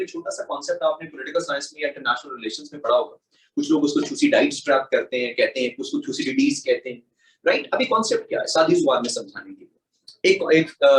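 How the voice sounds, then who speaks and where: Middle-aged male mentor, Pakistani Urdu accent, quick and animated, echoey distant mic. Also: medium pitch. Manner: animated, rhetorical questions, mixes English terms. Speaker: exam mentor. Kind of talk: explaining in a panel talk.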